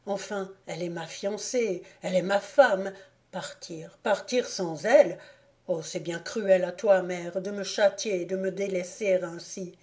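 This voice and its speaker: A frightened young man pleads in the dark, his voice soft and hushed, spoken slowly by a woman reading him aloud in an audiobook. The tone is low and mellow, never sharp, with a warm, dark color. He sounds lost and desperate, begging for an answer. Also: close to an everyday voice. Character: anguished young man calling to his dead mother.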